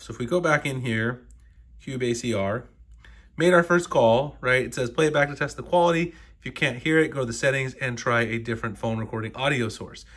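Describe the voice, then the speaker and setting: An American man from the United States hosts a casual, step-by-step tech tutorial, explaining things in a conversational way. He's a tech reviewer with a medium-pitched, slightly bright voice.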